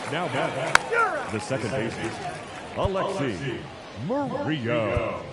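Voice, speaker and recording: Man, stadium loudspeaker announcement, slow drawn-out names, loud background noise, heard from far off. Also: mid-range voice, huge pitch swings. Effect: announcement over the stadium loudspeaker. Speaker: stadium public address announcer. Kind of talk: formal ballpark lineup announcements. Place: outdoor ballpark.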